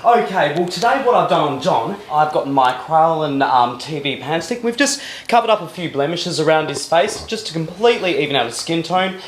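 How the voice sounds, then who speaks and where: A man's voice: a little high, animated, moderate pace, few pauses. A man working as a makeup stylist, explaining a makeover step by step. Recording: roomy echo, faint background noise.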